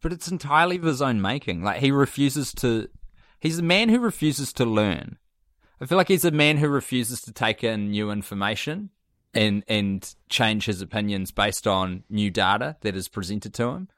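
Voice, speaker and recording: A man's voice: lowish voice, lively intonation, normal speed, a bit bright, no echo, studio quality. A man co-hosting a podcast in casual chat, blunt and exasperated with a sardonic edge. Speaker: podcast co-host.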